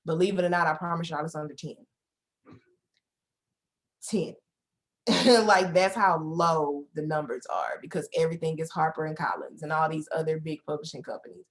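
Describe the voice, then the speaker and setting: A woman, a book publisher and editor giving a casual presentation on a video call, chatty and talking straight to her viewers. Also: low voice. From Houston, Texas. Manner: chatty, many "like" fillers, talks straight to viewers. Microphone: video call microphone.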